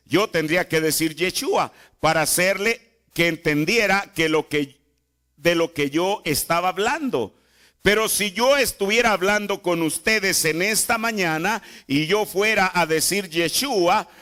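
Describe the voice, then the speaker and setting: A man's voice: sits high, bright, forceful tone. A man preaching a sermon in a church, repeating phrases and asking the congregation rhetorical questions. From Mexico. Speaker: pastor.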